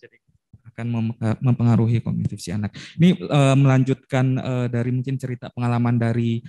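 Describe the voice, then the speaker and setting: A man's voice: mid-range voice, little pitch movement, brisk, warm tone. A man hosting a talk show who sums up the guest's points and passes on questions from the audience.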